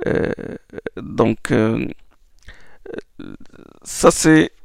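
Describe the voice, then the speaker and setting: A man teaching Quran recitation, explaining letter sounds slowly with many hesitations and checks like "hmm?", and demonstrating sounds aloud. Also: mid-range voice, gravelly, smooth, no echo, studio quality. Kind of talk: slow classroom explanation.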